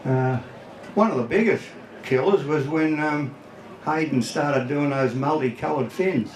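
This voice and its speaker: An older man with an Australian accent and a gravelly voice, reminiscing casually in plain colloquial words. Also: fairly high pitch, a little slow, a little hiss or hum. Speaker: guest speaker, veteran surfboard maker. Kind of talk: casual reminiscing before an event crowd. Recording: roomy echo, far from the mic.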